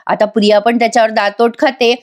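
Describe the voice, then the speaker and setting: A woman's voice: on the high side, level tone, a little fast. A woman narrating a voice-over recap of a TV serial episode, chatty and speaking directly to her viewers. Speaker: YouTube serial reviewer.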